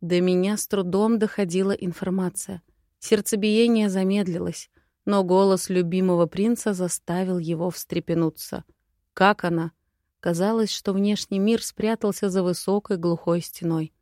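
Young woman, first-person fantasy narration, expressive inner-monologue read, mid pitch, dry close mic. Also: normal speed, no room sound. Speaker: audiobook narrator.

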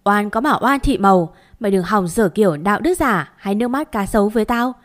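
A woman's voice: mid-range voice, animated, brisk, natural voice. A woman voicing a grieving, furious older mother-in-law who wails and screeches insults. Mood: screeching rage.

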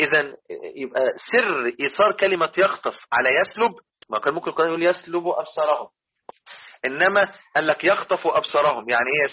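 A man's voice: on the high side, breathy edge. A man with an Egyptian Arabic accent explaining Quran commentary to a class, repeating his points and often checking that listeners follow. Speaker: religious teacher. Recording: tinny phone-like recording.

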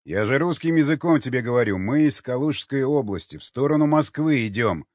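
A man's voice: fairly low pitch, expressive, a little fast, no echo. A man voicing a weary, blunt expedition leader who talks with sarcastic exasperation. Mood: exasperated. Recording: dull lo-fi dry recording.

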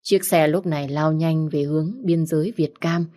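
A woman narrating a romance story in a steady storytelling manner. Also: deep voice, normal speed.

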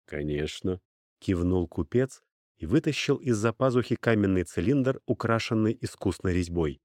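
A man narrates an audiobook in an even, storytelling manner. His voice sits somewhat low, and the recording is dry and close. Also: moderate pace, dry recording. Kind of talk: scripted narration.

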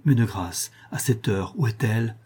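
A man's voice: on the low side, normal speed, dark tone, slightly rough. A man voicing a fervent noble lady. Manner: fervent, pleading. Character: noble young woman, earnest and tender. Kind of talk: audiobook reading.

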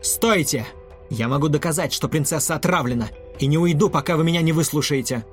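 A man's voice: on the high side, brisk, faint music behind, close to an everyday voice. A man playing a furious young boy. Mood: angry accusing. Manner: loud, indignant declaiming.

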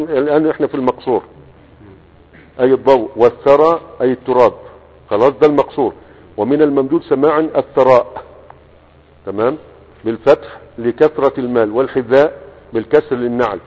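Husky Egyptian man teaching, tinny echo. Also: medium pitch. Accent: Egyptian Arabic. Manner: keeps checking understanding with quick questions. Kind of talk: classroom lecture, reading a text aloud and explaining it. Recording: tinny, echoey lecture recording.

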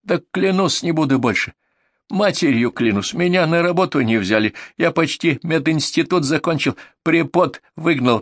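A man's voice: a little high, no room sound, studio quality, voice pushed up. A man voicing a frightened young male addict in his twenties, talking hurriedly and pleading, in a storybook reading. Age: 20s.

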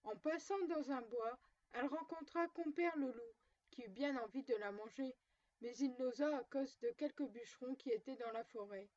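A woman narrates a classic fairy tale in a clear, measured reading style. Her voice sits high, and the recording sounds dull and lo-fi. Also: darkish tone. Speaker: storyteller.

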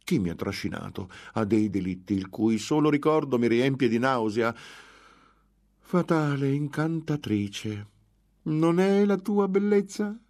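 A man playing a frenzied, guilt-ridden monk who rants and shouts with cruel, bitter laughs. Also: mid-range voice, lively intonation, unhurried, voice pushed up. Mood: raving.

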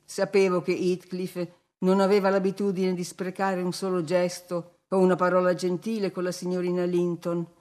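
A woman reading a classic novel aloud as an audiobook in a measured, expressive way. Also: lowish voice. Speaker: audiobook narrator. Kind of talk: literary audiobook narration.

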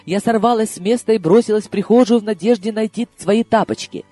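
A man reading an audiobook in the first person, theatrical and shifting between hushed asides and excited outbursts. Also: high-pitched, a little fast. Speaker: audiobook reader. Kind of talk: expressive audiobook narration. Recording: dry close mic with faint music.

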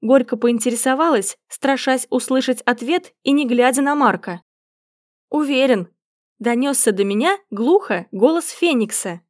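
A woman's voice: sits high, moderate pace, few pauses, dry recording, clean studio sound. A woman reading a first-person story aloud as an audiobook narrator, voicing the characters' lines herself.

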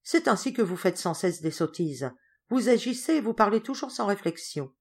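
A woman's voice: medium pitch, lively intonation, moderate pace, slightly rough, pitched above the performer's own voice. A woman voicing a stern middle-aged uncle who speaks formally and reprovingly.

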